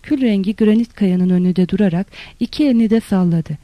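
A narrator reading a literary novel in a steady, even storytelling manner. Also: mid-range voice, a little fast, no echo. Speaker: audiobook narrator.

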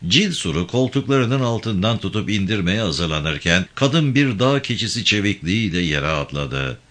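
A man reading a literary novel aloud in a measured, dramatic way. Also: on the low side. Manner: measured, dramatic reading with lively rises and falls. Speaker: audiobook reader.

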